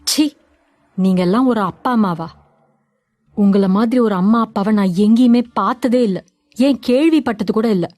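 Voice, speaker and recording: A woman voicing a defiant young daughter in a story, with a sharp, scolding way of talking. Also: fairly high pitch, no room sound, natural voice. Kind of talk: audio drama reading.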